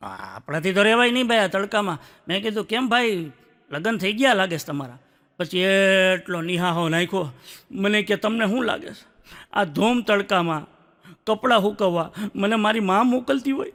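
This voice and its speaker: A man's voice: high voice, animated, normal speed, fairly bright tone. A man telling comic stories on stage, chatting with the audience and acting out what his wife and others said. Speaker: stand-up comedian. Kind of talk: stand-up comedy storytelling.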